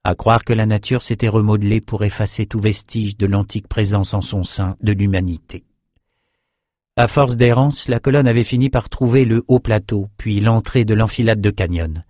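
Low-voiced male audiobook narrator. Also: normal speed, dark tone, no echo, clean studio sound.

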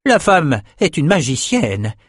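A man's voice: fairly high pitch, sing-song, slow pace, slightly rough, no room sound, studio quality, voice pushed up, heavily acted. A male reader voicing a sturdy, blunt middle-aged village matron who speaks emphatically. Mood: insistent.

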